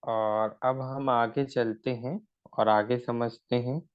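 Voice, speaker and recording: A man's voice: mid-range voice, fairly even intonation, slow pace, lo-fi sound. A male shorthand teacher in a recorded lesson. He explains step by step, asks his own questions and answers them, and mixes English words into his speech.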